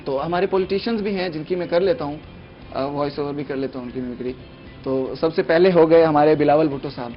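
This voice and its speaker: A young man appearing as a mimicry artist on a morning show, chatting eagerly and mixing in English words. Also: on the high side. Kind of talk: casual TV chat. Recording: dull lo-fi TV studio sound, faint music.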